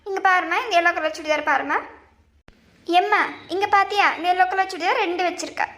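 A woman's voice: extremely high pitch, steady tone, brisk, a bit bright, roomy sound. A woman voicing a sulky teenage daughter in a cartoon, complaining and whining to her mother. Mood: whiny. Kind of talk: cartoon family drama.

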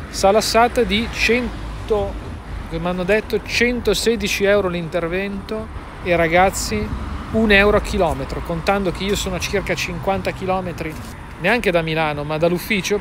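Male vlogger, northern Italian accent, lightish pitch, wry and exasperated, recorded outdoors with noticeable background noise. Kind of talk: casual vlog to camera. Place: outdoors at a roadside. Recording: noisy outdoor roadside.

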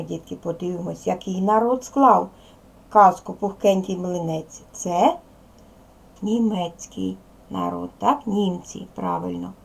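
A woman's voice: fairly low pitch, gravelly, a little mellow, slightly rough. A woman teacher giving a recorded lesson to young children, asking questions and answering them patiently.

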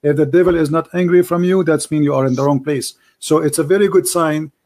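A man's voice: fairly high pitch, steady tone, a little fast, a little mellow. A man hosting a live call-in religious debate, preaching with passion in broken grammar while losing his voice. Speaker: call-in show host.

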